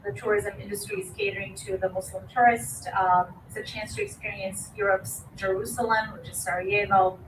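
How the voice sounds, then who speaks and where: A woman in her forties from Bosnia giving a slide lecture, measured, with many fillers. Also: medium pitch, level tone. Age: 40s. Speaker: guest speaker. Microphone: distant podium mic. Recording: echoey hall from far off, noisy.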